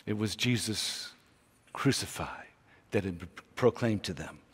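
A man preaching a sermon in a large church, slow and intense, swinging between loud urging and hushed near-whispers. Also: fairly low pitch, slightly rough. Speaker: pastor. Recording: long church-hall reverb.

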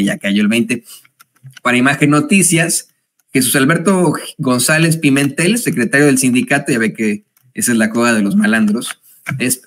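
Man, Mexican accent, sarcastic talk-show host, hesitant chatty asides, mid-pitched voice. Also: fairly bright tone. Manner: sarcastic, chatty, reads news aloud with asides; frequent hesitations and laughs.

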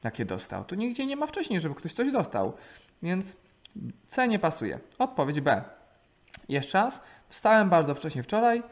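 A man's voice: high voice, huge pitch swings, moderate pace, pauses often, phone-quality sound. A man teaching English, walking through exam answers and reasoning aloud step by step as he translates each line.

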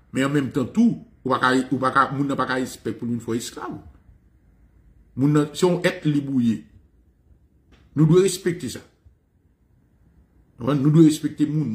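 A man with a Haitian accent giving an animated, ranting commentary, switching between languages, swearing and laughing. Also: medium pitch. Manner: ranting, mixing Creole, French and English, with profanity and laughs.

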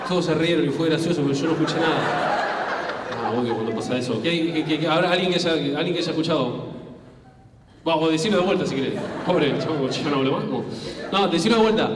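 Animated Argentine comedian in an echoey hall. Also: male voice, on the high side, fast, a crowd in the background. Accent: Argentine Spanish. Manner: animated, loose, swearing, acts out scenes. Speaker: stand-up comedian. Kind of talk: stand-up crowd work. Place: comedy club stage. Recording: echoey hall, taped from far off.

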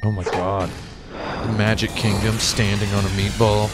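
A man's voice: lowish voice, flat delivery, unhurried, heavy background noise. A man streaming a video game with casual, rambling, slangy commentary full of exaggeration. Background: game music and dialogue.

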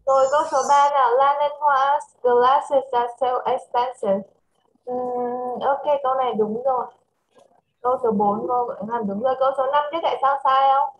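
A woman with a Vietnamese accent teaching English to a child over a video call, switching between English and Vietnamese and reading English phrases slowly. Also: sits high, steady tone, slight background noise, poor audio. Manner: mixes English and Vietnamese, slow careful English. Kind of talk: online English lesson for a child.

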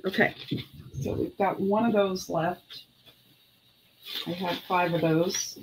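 A woman's voice: on the low side, fairly even intonation, slow pace, noisy background. A middle-aged woman chatting casually and unhurriedly as she sells items on a live online sale, sometimes muttering counts to herself. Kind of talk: casual live selling chat. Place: indoor room with clothes racks.

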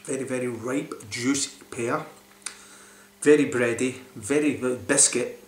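Speaking unhurriedly in a mid-range voice, a man in his forties reviews a beer to camera in a small room, rambling with enthusiasm and many fillers. It's a casual beer review vlog, captured in a roomy, echoey home recording.

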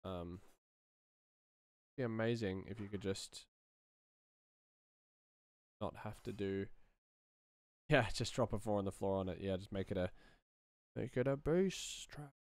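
A man in his thirties, a sound designer and streamer, mutters in fragments as he casually narrates his computer work in a small indoor room, thinking aloud for a screen-share. His voice is on the low side with a darkish tone, a little slow and full of pauses. The recording is dry.

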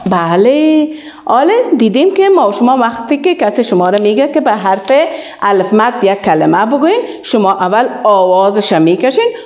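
A woman's voice: mid-range voice, sing-song, darkish tone. A woman with an Afghan Dari accent teaching the alphabet to young children, stretching out model words and praising often. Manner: sing-song, drawn-out model words, praising.

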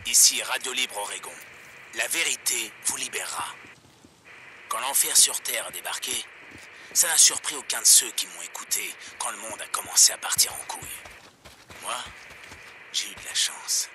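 A defiant pirate radio broadcaster. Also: male voice, mid-range voice, normal speed, long pauses. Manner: preachy, defiant. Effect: pirate radio broadcast over the air. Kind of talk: scripted radio monologue. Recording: noisy radio transmission with static.

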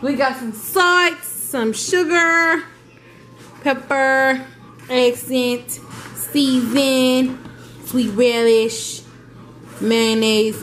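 A woman's voice: a little high, slight background noise. A woman vlogging as she cooks, chatting casually and straight to her viewers. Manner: chatty, talks straight to viewers while cooking. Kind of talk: casual cooking vlog. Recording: loud music behind her voice. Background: music.

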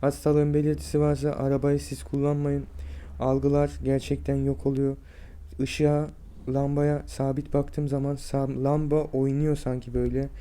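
A man in his twenties, sick and drained, talking to viewers in a weak, strained voice with halting, effortful delivery. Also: medium pitch, completely flat delivery, warm tone, smooth. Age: 20s. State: sick and drained with fever and aches. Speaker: vlogger. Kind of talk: personal health vlog, speaking to viewers.

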